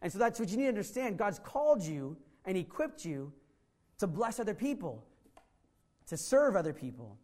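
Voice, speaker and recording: A man's voice: high-pitched, very animated, normal speed, a little mellow. A man preaching a sermon as pastor of a church, earnest and emotional, building to passionate outbursts. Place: church room.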